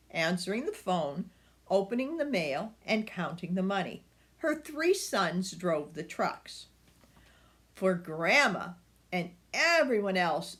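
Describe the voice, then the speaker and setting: An older woman with a mid-range voice reads a picture book aloud to children, expressive and addressing her young listeners directly.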